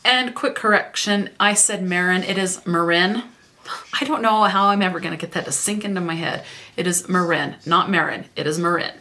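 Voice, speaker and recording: A woman's voice: mid-range voice, steady tone, brisk, bright, forceful tone. A woman hosting a casual book vlog, chatting and reading book synopses aloud, with small stumbles and self-corrections. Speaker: book vlogger.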